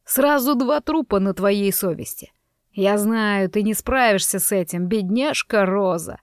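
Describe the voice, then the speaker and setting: A cruel young mobster groom , as a woman reader puts him on, talks in a sneering, sinister drawl. The audiobook voice sits at a middle pitch and is recorded dry and close, with no room sound. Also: a little slow, clear, resonant tone, no echo, close to an everyday voice. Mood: menacing. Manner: taunting, sinister.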